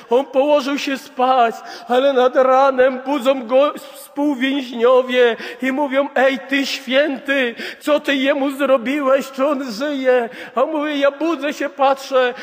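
A man's voice: very high voice, long reverb tail. A man preaching a sermon, retelling a story as a storyteller and often repeating "he says".

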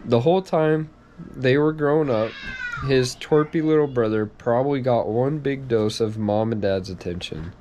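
Brief: father and vlogger, relaxed and quick, mid-pitched, light background noise. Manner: easygoing, quick-talking, says y'all. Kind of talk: casual vlog chat and devotional reading. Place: car dealership showroom, then home.

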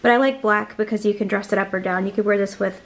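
A woman's voice: mid-range voice, steady tone, fast talker. A woman in her thirties, a lifestyle vlogger, talking to a handheld phone camera in a chatty, upbeat way with frequent laughs. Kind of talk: casual vlog talk to camera.

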